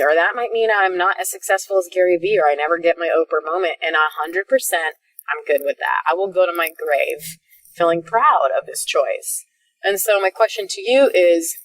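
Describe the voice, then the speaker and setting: Animated, chatty woman podcaster, slightly lower voice. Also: far from the mic, poor audio. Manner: chatty and animated, swears freely, laughs often, acts out her own reactions. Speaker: podcast host, life coach. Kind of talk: casual solo podcast monologue.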